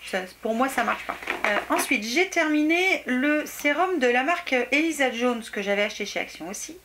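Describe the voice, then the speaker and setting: A woman's voice: sits high, expressive, normal speed, a bit bright, a little hiss or hum. A young adult woman chatting casually through a beauty product review, hesitant, with many fillers and restarts. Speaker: beauty vlogger.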